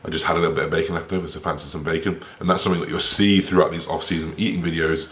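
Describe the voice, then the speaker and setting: A fitness coach and bodybuilder with a raspy, low, slightly bright voice and a half West Country English accent talks very fast in a steady tone. Chatty and upbeat, he swears casually in a vlog to camera, first at home and then at the gym, with music in the background.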